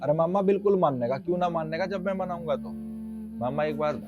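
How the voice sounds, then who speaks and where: An actor playing a generous, easygoing young village son with a Haryanvi accent. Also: male voice, on the high side, fast talker, lo-fi sound, over music, close to an everyday voice. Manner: easygoing, cheerful reassurance.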